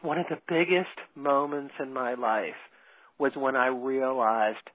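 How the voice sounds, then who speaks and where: Slow, husky woman podcast host. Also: extremely low pitch, fairly even intonation, a bit bright, poor audio. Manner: earnest, slow, emphatic. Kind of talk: spiritual interview chat.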